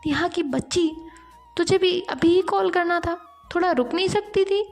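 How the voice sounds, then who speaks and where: A woman's voice: high-pitched, normal speed, darkish tone, faint music behind, lightly acted. Aradhana, a woman voicing a touchy young office worker. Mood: irritated. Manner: snappish, indignant.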